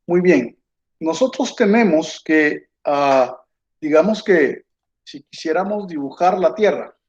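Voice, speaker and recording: Slow, patient teacher. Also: male voice, a little high, expressive. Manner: slow, patient, checks with "¿verdad?" after most phrases. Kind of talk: online lecture while drawing on a board. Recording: dull lo-fi sound.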